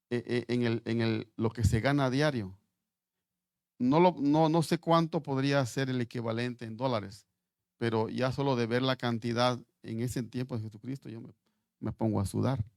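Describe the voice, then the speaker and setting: A man preaching a sermon in Spanish, halting and repeating words as he reads scripture aloud. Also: mid-range voice, creaky, a little mellow, dry recording, clean studio sound.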